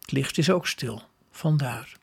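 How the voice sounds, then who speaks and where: A man voicing Love, a quiet, wise female figure in a storybook tale, speaking softly and slowly. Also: medium pitch, creaky, husky, voice pushed down, exaggerated voice. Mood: tender. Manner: soft, slow, reflective.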